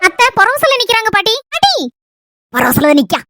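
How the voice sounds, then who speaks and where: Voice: very high-pitched, huge pitch swings, moderate pace, loud music behind the voice, voice pushed up, exaggerated voice. A performer voicing a dutiful, sweet young married granddaughter in a cartoon with a Kanyakumari Tamil accent. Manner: gentle, agreeable. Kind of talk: cartoon dialogue.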